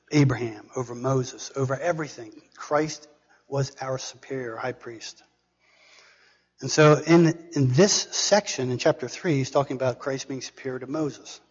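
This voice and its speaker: A man preaching a sermon as pastor, earnestly reading scripture aloud with pauses. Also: mid-range voice. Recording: dull recording with long reverb.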